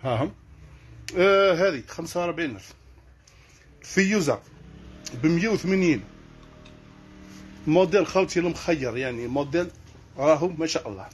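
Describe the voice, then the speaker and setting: A man's voice: on the high side, animated, slight background noise. A man with an Algerian Arabic accent, a kitchenware shop owner on a live sales stream, rattling off one price after another. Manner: rattles off prices in quick succession.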